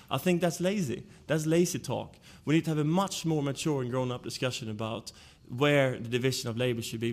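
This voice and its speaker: A man from Sweden with a Swedish accent, speaking as a panelist at a conference and laying out his arguments one point at a time. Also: mid-range voice. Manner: argumentative, lays out points in order.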